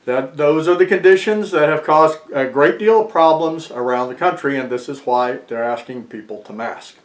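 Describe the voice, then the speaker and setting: A man's voice: on the high side, moderate pace. An American man in his sixties explains things casually to camera, speaking slightly muffled through a face mask. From lives in Texas, United States. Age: 60s. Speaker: video presenter. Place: small furnished room indoors, seated in armchair. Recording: echoey small room.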